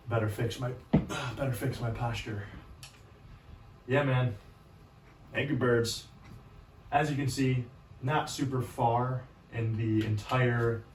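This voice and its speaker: A hoarse man hosting a gaming video, chatting casually in a rambling, self-deprecating way with lots of fillers. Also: medium pitch, slight background noise. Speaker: gaming channel host. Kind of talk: casual gameplay chat. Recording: roomy echo, distant mic.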